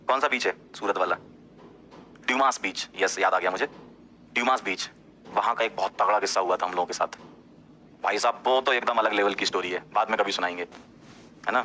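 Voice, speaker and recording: Forceful low-voiced man telling a story. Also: brisk, pauses often, slight background noise. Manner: talks straight to listeners, keeps checking in; animated, jumps up in pitch when insisting. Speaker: teacher. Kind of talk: casual storytelling to a class.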